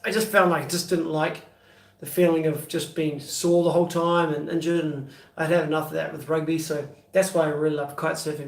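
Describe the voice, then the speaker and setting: A man in his fifties with a New Zealand accent, chatting casually on a live stream and answering viewers' questions in a loose, rambling way, full of fillers and restarts. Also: fairly high pitch. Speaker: beer vlogger answering live chat. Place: bedroom, indoors. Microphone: phone on a stand at arm's length. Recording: echoey room, phone mic from a distance.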